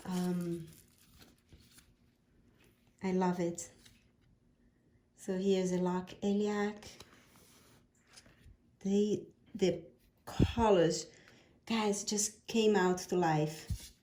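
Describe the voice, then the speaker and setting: A Brazilian woman with a Brazilian Portuguese accent, speaking English as a second language, gushes while unboxing her own oracle deck in a product vlog, repeating words of praise. Her lowish voice is mellow, and the sound is reverberant with a bit of hiss or hum.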